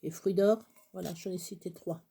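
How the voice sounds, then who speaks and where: A woman chatting casually through a crafting tutorial, rambling and halting with many fillers, sometimes dropping to a whisper. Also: fairly low pitch, steady tone, dark tone, breathy edge. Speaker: craft vlogger.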